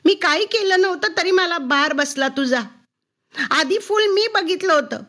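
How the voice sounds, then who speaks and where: A woman voicing a defiant sixth-grade girl who shouts bitterly at her mother. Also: sits high, very animated, unhurried, heavily acted. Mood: shrill defiance.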